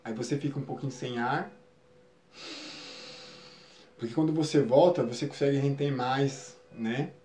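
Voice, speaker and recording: Man, spiritual teacher on a live stream, mellow slightly high voice, calm explanatory delivery, roomy echo. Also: normal speed, pauses often, a little hiss or hum. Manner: calm, explanatory, frequent tag questions.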